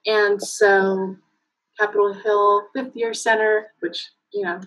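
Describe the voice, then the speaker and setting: Heavy background noise surrounds a woman speaking slowly in a medium-pitched, level voice. She's in her thirties, Mexican, a native Spanish speaker, appearing as a guest in an informal interview over video call from an indoor room at home on a laptop webcam. Her storytelling is warm, with many fillers and bursts of laughter.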